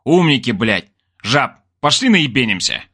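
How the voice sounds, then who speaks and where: A rowdy young bass player with a crude, brash way of talking, slightly raised above the reader's usual voice, as a man plays him. He is loud and swears freely, flaring up at the slightest provocation. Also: sing-song, unhurried, slightly rough, full character voice. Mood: furious. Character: rowdy young male bassist, crude and quick to explode.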